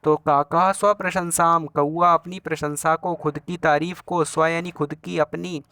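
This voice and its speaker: A man's voice: on the high side, level tone, unhurried, bright, forceful tone, no echo. A man teaching a Sanskrit story, reading each word and explaining it in plain terms. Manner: explanatory, repeats each Sanskrit word then glosses it in Hindi. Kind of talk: Sanskrit lesson, translating a story line by line.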